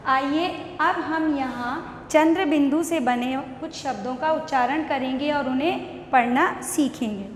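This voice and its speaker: A woman with an Indian accent teaching young children an online lesson, spelling words slowly syllable by syllable. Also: high voice, a little hiss or hum. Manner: slow, syllable-by-syllable spelling aloud. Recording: echoey room with long reverb.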